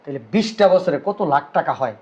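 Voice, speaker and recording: An enraged brother home after twenty years abroad, played by a man, scolding in a Bangladeshi Bengali accent. His voice sits high and swings widely as he hammers out angry questions. The sound is dull and lo-fi. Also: animated, a little fast, darkish tone, lightly acted. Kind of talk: amateur short drama acting.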